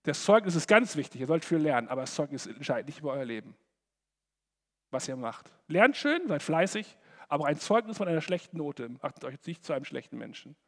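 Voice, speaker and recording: Higher-voiced man preaching in a hall. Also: brisk. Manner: conversational, animated, acts out imagined quotes. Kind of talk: sermon to young people.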